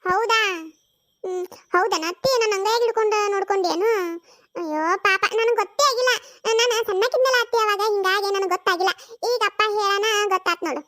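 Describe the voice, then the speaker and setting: A very high, bright and squeaky cartoon voice, put on by a performer, the cheeky young village woman rattles off her lines at a rapid clip. She has a thick North Karnataka accent and a teasing, quarrelsome manner. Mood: teasing, squabbling. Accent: North Karnataka Kannada. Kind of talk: cartoon comedy voice acting.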